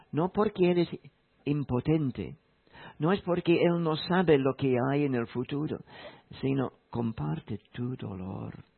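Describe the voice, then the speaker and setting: A man preaching a sermon in a slow, emphatic way, repeating key phrases. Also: medium pitch, creaky, slightly rough. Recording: tinny phone-like sound.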